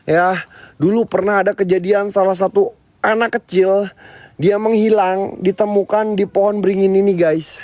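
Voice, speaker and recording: A young man, live-streaming a night ghost hunt outdoors in a cemetery, jittery and swinging between hype chatter and hushed prayers. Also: sits high, steady tone, normal speed, dry recording. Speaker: paranormal explorer streamer.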